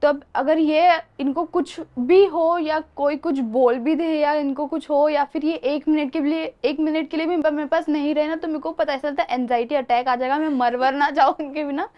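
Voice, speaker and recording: A high-voiced young woman chats as a guest in a casual interview. She tells her stories with lots of energy and laughs often as she goes. The recording sounds a little dull and muffled. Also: moderate pace, few pauses. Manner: animated, laughs often while telling stories.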